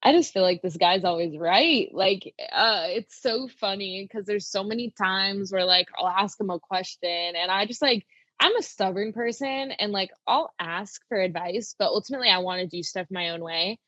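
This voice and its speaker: A woman's voice: mid-range voice, moderate pace, a bit bright, no echo, lo-fi sound. A young woman wrestler talking casually in an interview, with lots of "like" fillers. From Arizona. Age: young adult. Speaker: wrestler guest.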